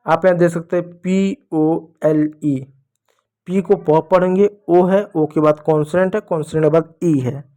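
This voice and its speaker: A man with a fairly high voice and a Hindi accent teaches a lesson at the board. He goes step by step, repeats every rule, and asks his students questions back. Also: a little mellow. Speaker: English teacher. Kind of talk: blackboard lesson for learners.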